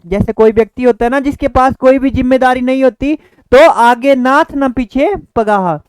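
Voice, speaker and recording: A man teaching an exam-prep grammar lesson. His voice is smooth and clear, recorded close and dry no room echo. He repeats each question and key word patiently for his viewers. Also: very high-pitched.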